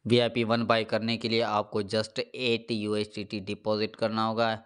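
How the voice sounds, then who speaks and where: Flat, smooth-voiced man explaining an app. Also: fairly low pitch, a little slow. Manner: steady, instructional, repeats filler phrases. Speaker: channel host. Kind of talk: screen-recorded app walkthrough.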